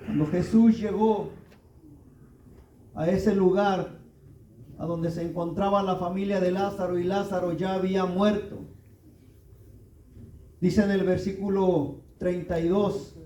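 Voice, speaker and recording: High-voiced, slow, emphatic male preacher. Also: steady tone, mellow, roomy sound, distant mic, slight background noise, poor audio. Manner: preaching with rising emphasis and rhetorical questions. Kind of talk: sermon. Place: church.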